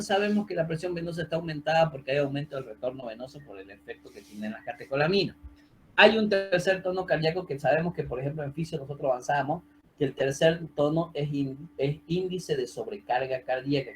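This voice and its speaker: A man's voice: fairly high pitch, poor audio. A man giving an online medical lecture over a video call, explaining step by step and often checking in with his students. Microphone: computer mic on a video call.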